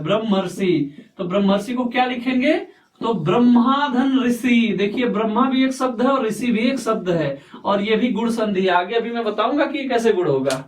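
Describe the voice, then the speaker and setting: A man teaching a lesson, speaking slowly and repeating himself, often asking questions and answering them himself. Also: very high voice. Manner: slow, repetitive, quizzing himself aloud. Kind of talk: explaining a lesson at a board. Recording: echoey room, voice far from mic.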